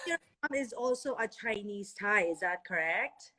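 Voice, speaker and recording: A woman's voice: medium pitch, animated, normal speed, sharp tone, slight background noise. A woman hosting a casual live-stream interview over a video call, gushing and effusive, often stumbling over her words. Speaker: interviewer, skincare sponsor. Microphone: phone or laptop video call.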